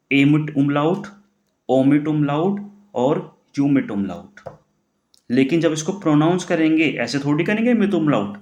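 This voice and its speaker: Male language teacher, slightly high voice, quizzing style, roomy echo. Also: a little mellow, lo-fi sound. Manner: asks the class questions and answers them himself, repeating words slowly. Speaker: online German teacher. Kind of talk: classroom-style lesson explaining pronunciation. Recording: echoey room.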